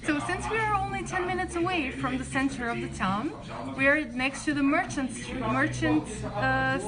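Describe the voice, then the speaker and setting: Young woman, high voice, chatty live-stream host, crowd chatter behind. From Croatia. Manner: friendly, chatty, many restarts. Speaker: accommodation staff hosting a live stream. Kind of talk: live-stream Q&A, reading chat questions.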